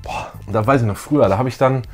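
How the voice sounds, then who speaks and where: In a small room crammed with posters and collectibles, a middle-aged man co-hosts a retro fan show, chatting informally and reading some things aloud. His medium-pitched voice moves fast, with faint music behind it.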